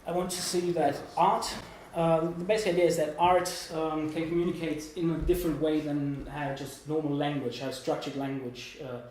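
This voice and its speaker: A man in his twenties, from Germany and Italy, gives a casual live talk as a student presenter at a small indoor meetup, hesitant, rambling and self-deprecating. His voice sits on the high side with a steady, darkish tone, a moderate pace and few pauses. A distant room mic picks him up in an echoey space with background noise.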